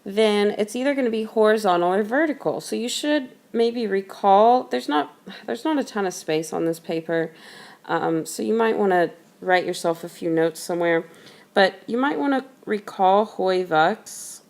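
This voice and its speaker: A woman math tutor talking through a recorded lesson, patient and methodical, repeating the key points slowly so they can be written down. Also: mid-range voice, expressive, a little mellow.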